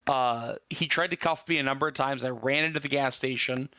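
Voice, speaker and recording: A man from Michigan talks as a podcast guest, telling a long story with plenty of fillers and offhand swearing. His voice is bright and forward, at an ordinary pitch for a man. The sound is dry and close, with no room echo. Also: brisk, smooth. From Michigan, USA. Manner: rambling, many fillers, casual swearing. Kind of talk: casual storytelling chat.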